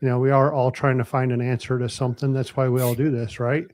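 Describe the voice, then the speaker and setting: A man's voice: medium pitch, flat delivery, fast, darkish tone, dry recording. A man hosting a casual podcast chat, asking guests questions in a laid-back way over a video call. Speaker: podcast host.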